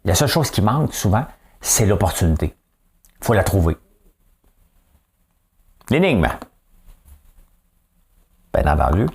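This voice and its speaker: A man's voice: sits low, very animated, takes it slowly, long pauses, darkish tone. Chatty Québécois man hosting news. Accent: Québécois French. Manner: chatty, keeps adding a rhetorical "hein?". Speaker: host of a news and business commentary show. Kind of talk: casual news commentary.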